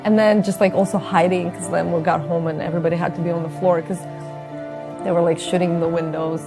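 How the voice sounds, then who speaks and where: Music plays behind this interview guest, an Azerbaijani woman from the former Soviet Union whose native language is Russian. She tells stories in a casual, earnest, expressive conversational way, speaking fast with a lowish voice.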